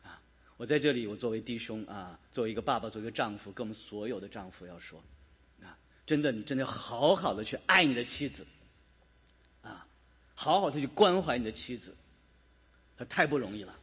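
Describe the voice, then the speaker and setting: Husky, lively man preaching a sermon. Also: medium pitch, a little fast, long pauses. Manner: animated preaching, asks the congregation questions, chuckles. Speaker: pastor. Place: church hall with a congregation.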